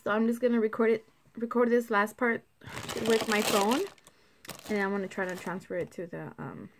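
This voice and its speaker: A woman's voice: mid-range voice, fairly even intonation, normal speed. A woman in her twenties chatting casually to her phone while eating, chewing between rambling, filler-heavy phrases. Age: 20s. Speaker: vlogger. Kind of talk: casual mukbang chat to camera. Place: small indoor room at home. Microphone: phone at arm's length on table. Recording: phone recording with background noise and clicks.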